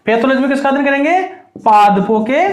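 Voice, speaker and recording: Guy teaching exam prep, high voice, asks then answers low, lots of room echo. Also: expressive, brisk. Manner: drills students with repeated question and answer. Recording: echoey room.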